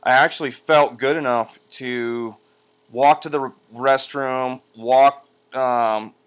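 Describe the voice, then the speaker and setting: Clear-voiced man, halting, resting after surgery. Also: medium pitch, steady tone. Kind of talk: casual personal vlog, recounting his experience. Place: indoors at home on a couch by a window.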